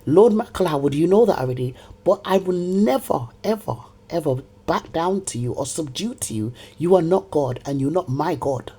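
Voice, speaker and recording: A woman's voice: deep voice, animated, moderate pace, few pauses, warm tone, slightly rough. A middle-aged woman delivering a confrontational monologue straight to camera, repeating herself and scolding someone who is not there. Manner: confrontational, repetitive, rants at an absent person.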